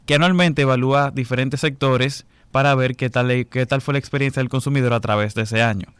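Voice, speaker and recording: Clear-voiced man explaining cars. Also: medium pitch, fairly even intonation, a bit bright, dry recording. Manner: measured, explanatory. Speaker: car segment guest. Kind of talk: explaining on radio.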